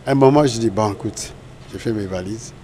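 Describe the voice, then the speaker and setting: A man's voice: on the low side, fairly quick, mellow, a little hiss or hum. An older man from Congo, a guest in an interview, telling his story in a rambling way and often correcting himself. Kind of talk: casual interview recollection.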